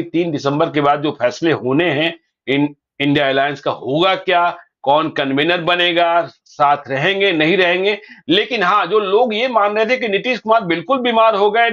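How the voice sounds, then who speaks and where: News host guy, high voice, kinda dull lo-fi sound, brisk and assertive. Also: fairly bright tone. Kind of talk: political news discussion.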